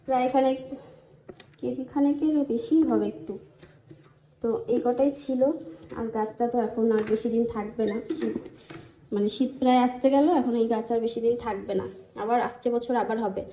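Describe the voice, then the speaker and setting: A woman with a hoarse, sore voice chatting casually to her viewers as a lifestyle vlogger. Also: fairly high pitch, fairly even intonation, normal speed, long pauses, mellow, echoey room, slight background noise. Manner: chatty, addresses viewers as friends. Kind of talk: casual vlog chat to viewers.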